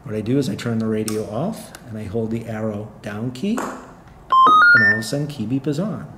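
A middle-aged man with a fairly low, bright, forceful voice presents a product for his company, demonstrating it step by step at a tabletop in an indoor room. He speaks expressively at a moderate pace in plain, unscripted terms, amid roomy echo and faint background noise.

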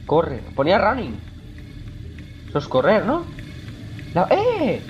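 A jumpy gaming YouTuber with a Spain Spanish accent, reacting out loud to a horror game in nervous, exclaiming chatter. The pitch swings widely between hushed lows and sudden highs. The audio is dull and lo-fi, with faint game music underneath. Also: wildly swooping pitch, slow pace. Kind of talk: horror game let's play commentary.

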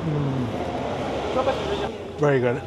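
A man's voice: mid-range voice, drawn-out words, very noisy. A man in his thirties from India, casually reviewing sandwiches to camera on an outdoor café terrace, tasting and reacting aloud as he goes. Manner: chatty, relaxed, tastes and reacts aloud. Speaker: food vlogger. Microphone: camera-mounted shotgun mic.

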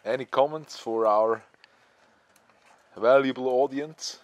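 A man's voice: medium pitch, slow, dry recording, highs cut off. A man interviewing from behind the camera, asking teasing questions. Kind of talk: casual interview.

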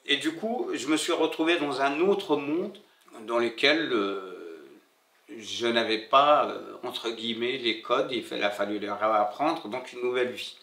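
His voice is medium-pitched and fairly bright as this middle-aged Moroccan bookseller reflects on his life in an interview. French isn't his first language; he learned it after moving to France, so he pauses, repeats and gropes for words. He's seated indoors by a bare wall, and the slightly distant mic picks up roomy echo.

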